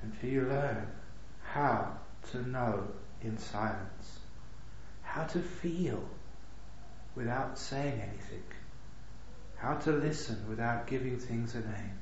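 A man gives a calm, unhurried dharma talk as a meditation teacher at a retreat, with light humor. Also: mid-range voice, slight background noise. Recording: echoey hall, dull lo-fi sound.

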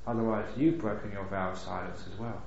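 A man gives a calm, unhurried dharma talk as a meditation teacher at a retreat, with light humor. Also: fairly low pitch, gravelly, a little hiss or hum. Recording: echoey hall, dull lo-fi sound.

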